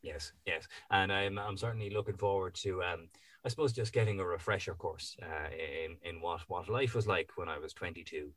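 Man, podcast host, lowish voice, rambling casual chat, dry close mic. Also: normal speed, a bit bright, no room sound. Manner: easygoing, rambling with many ums.

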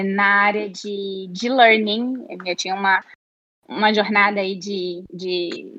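Her mid-range voice is a bit bright, with no room sound, captured through a home office mic in dull, dry lo-fi quality. She is a Mineiro-accented woman from Minas Gerais, Brazil, a friendly, slightly nervous podcast guest who fills a casual interview with lots of fillers.

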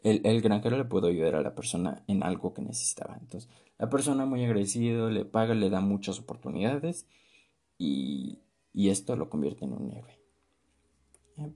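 A man's voice: fairly low pitch, warm tone, breathy edge. A man giving an informal class presentation in a conversational way, with many fillers and tag questions. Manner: acts out short voice examples. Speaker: presenter teaching communication.

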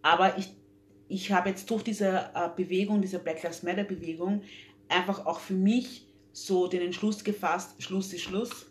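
In a casual interview recorded in an echoey room with a faint hum, a young woman from Austria speaks earnestly as the guest, often restarting and using many fillers. She has a mid-range voice with fairly even intonation and a slightly slow pace.

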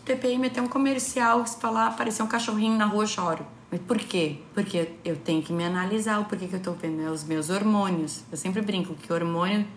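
A woman co-hosts a relaxed advice chat, spinning anecdotes with animated, playful energy. She sits at a home kitchen table, so the room rings a little around her voice. A faint household ambience sits underneath. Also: mid-range voice, fast talker, hardly any pauses, reverberant, a little hiss or hum. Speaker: podcast co-host.

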